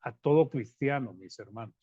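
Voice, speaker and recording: A man delivers a Bible-study sermon, reading verses, explaining them, and addressing his listeners as brothers, with halting restarts and phrase endings that trail off quietly. His medium-pitched voice is expressive with a breathy edge, recorded dry and slightly dull with no room sound.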